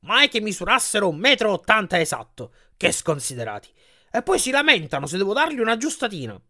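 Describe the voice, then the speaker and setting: A man's voice: high voice, wildly swooping pitch, quick pace, bright, forceful tone, voice pushed up, exaggerated voice. A man voicing a smarmy giant male bed salesman in an audiobook, with an oily sales patter.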